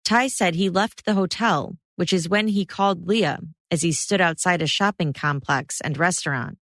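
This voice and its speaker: Female podcast host, low voice, measured narration, dry close recording. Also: dry recording. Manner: measured, steady recap. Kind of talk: scripted true-crime narration.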